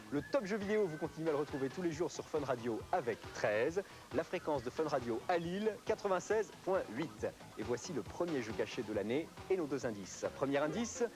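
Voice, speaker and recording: High-voiced French man presenting, over music. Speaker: TV video game show presenter. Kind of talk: scripted presenting and announcements. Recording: music under the voice. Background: prominent music.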